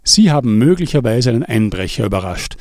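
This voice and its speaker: A steady, unflappable policewoman, voiced by a man reading an audiobook, laying things out slowly and firmly. Her tone stays measured and mid-pitched in a dry, close recording. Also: no echo. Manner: measured, patient, firm. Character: calm, firm female village police officer.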